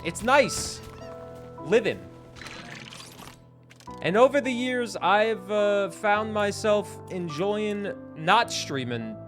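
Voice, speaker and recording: Animated streamer man in his twenties. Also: high-pitched, very slow, long pauses, soft background music. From New England, United States. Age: 20s. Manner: animated, chatty, reads and answers chat. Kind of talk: casual live-stream chat.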